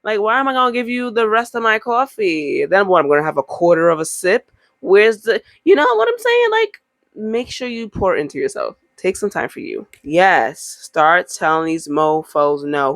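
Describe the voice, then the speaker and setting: A woman's voice: low-pitched, fairly bright tone, no echo. A woman giving a casual, encouraging tarot reading straight to the viewer, talking in a chatty way with emphatic asides. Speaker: tarot reader.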